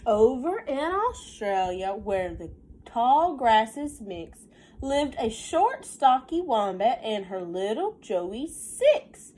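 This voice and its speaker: A woman with a fairly high voice reads a picture book slowly to young children, teacher-style. She's expressive and sing-song, slipping in simple questions and little asides. The recording quality is rough.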